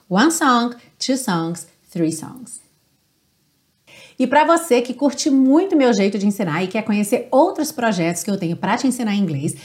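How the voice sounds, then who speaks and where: A young woman with a Brazilian accent teaching an online English lesson in a lively, encouraging way, slowing down to model English phrases. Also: medium pitch. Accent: Brazilian Portuguese.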